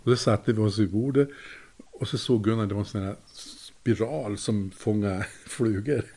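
A man's voice: lowish voice, vocal fry, warm tone. An older man telling a casual anecdote, chuckling now and then and acting out the voices of the people he quotes. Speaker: storyteller.

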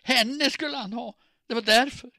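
A man voicing a distraught young woman who is crying and pleading, her voice high and shrill. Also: gravelly, fairly bright tone, no room sound, clean studio sound. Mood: frantic.

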